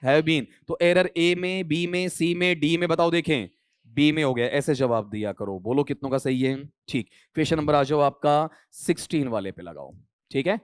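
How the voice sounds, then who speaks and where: This higher-pitched male teacher talks at a normal pace in a clean, dry studio recording. Coaching students online for exams, he covers English grammar, blending Hindi with English terminology and firing questions at his class.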